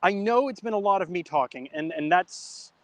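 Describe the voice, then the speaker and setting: A man's voice: high-pitched, expressive, normal speed, no room sound. A man hosting a live talk show, speaking casually with many restarts and stumbles, and telling a long joke in an easygoing way. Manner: chatty, self-correcting, jokey storytelling. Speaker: host.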